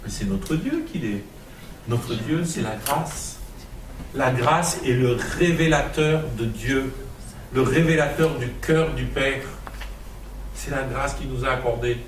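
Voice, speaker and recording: Marseille-accented preacher in an echoey hall. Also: male voice, mid-range voice, slow, recorded from a distance, slight background noise. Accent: Marseille French. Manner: emphatic, rhetorical repetition, builds to a fervent crescendo. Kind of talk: sermon.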